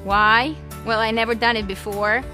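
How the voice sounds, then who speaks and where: A woman's voice: fairly high pitch, level tone, moderate pace, pushed and bright, soft background music. A woman in her twenties from Serbia, talking casually in an interview and laughing easily. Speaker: interviewee, aspiring skeleton athlete.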